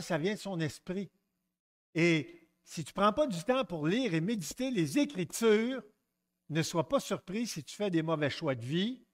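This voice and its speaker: A middle-aged man with a Québécois French accent preaching a sermon, lively and joking, often stepping aside to tell stories and acting out quotes. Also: sits high. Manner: lively, jokes and digresses, acts out quotes.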